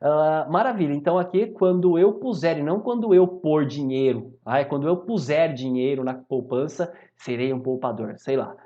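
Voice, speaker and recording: A man's voice: fairly high pitch, moderate pace, few pauses, muffled recording. A man with a Brazilian accent teaching grammar in a video lesson, often checking in with his students. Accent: Brazilian Portuguese. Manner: animated, repeats "maravilha?" and "tá?" to check in with students.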